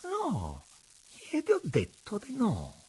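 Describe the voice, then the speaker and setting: A husky man doing a timid young daughter. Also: fairly high pitch, huge pitch swings, slow, darkish tone, voice pushed up, full character voice. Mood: cold. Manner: hesitant, breathy small replies. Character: young woman, timid daughter turning coldly defiant.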